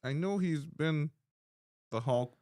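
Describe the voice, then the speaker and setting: A man co-hosting a podcast, chatting casually, animated and full of questions. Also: fairly high pitch, slow pace, dry recording, clean studio sound. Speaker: podcast co-host. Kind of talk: casual chat.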